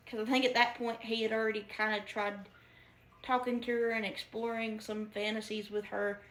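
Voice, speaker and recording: A woman's voice: fairly high pitch, a bit bright. A woman giving a casual book review, chatty and giggly, with lots of fillers and restarts. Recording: echoey room.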